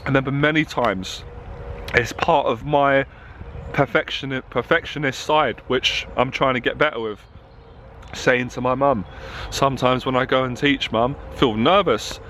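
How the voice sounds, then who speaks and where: A man's voice: medium pitch, fairly even intonation, normal speed, pushed and bright, slight background noise. A man who coaches confidence, talking openly to camera and getting passionate and emotional. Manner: open and emotional, growing passionate. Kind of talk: candid talk to camera. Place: outdoors in a town.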